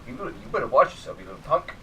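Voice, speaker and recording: A man's voice: mid-range voice, big pitch swings, racing, pushed and bright. A man voicing a jealous, threatening old husband who grumbles, in a tabletop game. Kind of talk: tabletop role-play. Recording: distant mic, faint noise.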